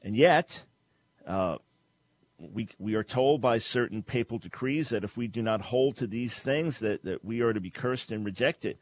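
A man hosting a call-in radio talk show, speaking firmly and earnestly in long steady stretches. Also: medium pitch, normal speed.

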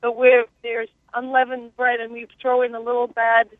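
A woman's voice: a little high, monotone, normal speed, no echo. A woman calling in from her car, talking earnestly and rambling with restarts over a clipped phone line that cuts in and out. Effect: clipped phone line cutting in and out. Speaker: caller. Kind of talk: call-in conversation. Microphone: mobile phone. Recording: tinny dry phone line.

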